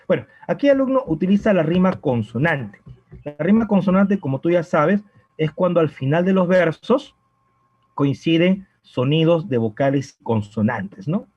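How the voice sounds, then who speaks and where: A man lecturing on literature, his voice sitting a little higher than most men's. He keeps turning to the student with quick checking questions as he explains. The recording is dry and a bit dull, as if from a basic lo-fi setup. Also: a little mellow, no room sound. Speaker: literature teacher. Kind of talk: recorded exam-prep lecture.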